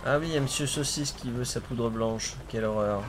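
A man's voice: medium pitch, fairly quick, a crowd in the background. A man streaming a video game with his cousin, chatting casually, exclaiming at the action and laughing often. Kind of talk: casual gaming commentary.

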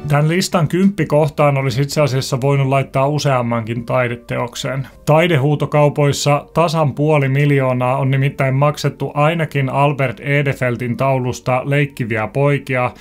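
Young guy reading a scripted explainer, calm and clear, average pitch, talks straight to viewers. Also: hardly any pauses, soft background music. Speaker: educational video host. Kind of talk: scripted informative narration.

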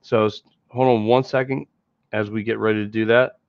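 His voice is lowish, clear and resonant, with fairly even intonation at normal speed. He's a man in his thirties from the Philadelphia area by accent, hosting a casual postgame sports podcast and rambling with many repeats and restarts. The headset mic recording, made in a small indoor room before a green screen, sounds dull, lo-fi and dry.

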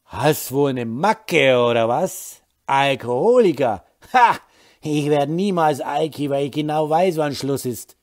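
A man voicing a surly drunk man in an audiobook, slurring and dragging out loud, belligerent words. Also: medium pitch, lively intonation, takes it slowly. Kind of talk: audiobook character voice.

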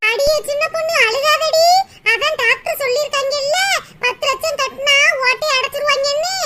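A woman voicing blunt, teasing village women in a cartoon, with a squeaky, chattering southern Tamil manner. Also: fairly even intonation, moderate pace. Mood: mocking. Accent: southern Tamil, Tirunelveli. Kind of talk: cartoon voice acting. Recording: loud background noise.

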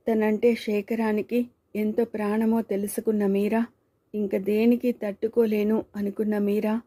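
A woman narrating a storybook in a calm, even reading manner. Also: medium pitch. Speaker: audiobook narrator.

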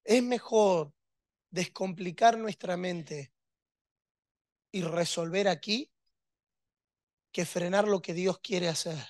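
A man's voice: sits high, takes it slowly, long pauses, darkish tone, dry recording, clean studio sound. A man preaching a sermon, emphatic and rhetorical, with touches of humor.

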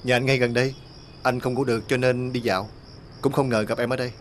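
An actor playing a gentle, caring young man who speaks softly and calmly. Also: medium pitch, fast, slight background noise, close to an everyday voice. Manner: soft, calm and caring.

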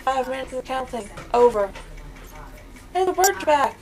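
A woman's voice: high-pitched, expressive, a little slow, low-quality recording. A young woman rambling in a childlike, groggy way after having her wisdom teeth out, loopy and numb-mouthed, in casual chat. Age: young adult. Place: small dental clinic recovery area, indoors. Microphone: handheld camera at close range.

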